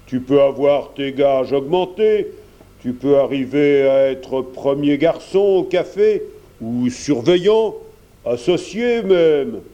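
Kindly gentleman benefactor, mellow tone, unhurried storybook pace from a male reader. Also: medium pitch, lively intonation. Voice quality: gentle, reassuring. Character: kindly older gentleman painter, warm benefactor.

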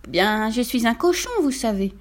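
A woman's voice: lively intonation, normal speed. A woman voicing a small, crafty piglet who squeals, sighs and pleads sweetly. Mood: sweetly sly. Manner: high sighing pleading voice.

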